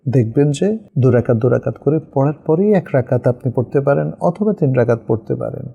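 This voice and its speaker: A man's voice: mid-range voice, expressive, fairly quick, creaky, dark tone, breathy edge, highs cut off. A middle-aged man with a Bangladeshi Bengali accent, an Islamic scholar answering viewers' questions. He explains patiently and checks understanding with tag questions. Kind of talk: religious question-and-answer session.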